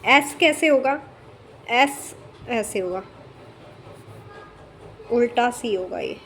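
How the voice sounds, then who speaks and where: Softly explaining woman shorthand teacher. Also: on the high side, animated, slight background noise. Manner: explains slowly with many fillers and "theek hai" checks. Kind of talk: casual spoken lesson.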